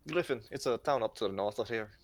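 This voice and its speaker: A man voicing a brisk woman blacksmith in her early thirties with an Irish accent, gruff and matter-of-fact. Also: medium pitch, natural voice. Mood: businesslike. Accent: Irish, put on. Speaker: game master.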